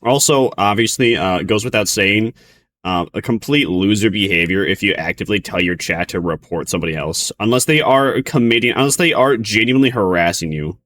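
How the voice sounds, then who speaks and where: A man's voice: lowish voice, a little fast, a bit bright. A man streaming casual reaction commentary, rambling in a bemused, hesitant way.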